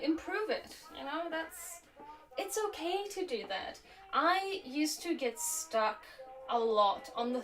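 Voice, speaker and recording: Crafting live on stream, a young woman with a high voice and a slightly sore throat talks in a relaxed, reflective, chatty way, filling gaps often. A native Slovak speaker from Slovakia, she was raised in Germany. Faint music plays, and the mic sits at a distance.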